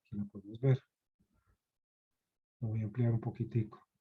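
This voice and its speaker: A man with a Colombian Spanish accent lectures a university class online, repeating key points and asking students to answer. His voice is husky, and the video-call audio sounds dull and lo-fi. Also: fairly low pitch, flat delivery, moderate pace. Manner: explains patiently, repeats key points, asks students questions.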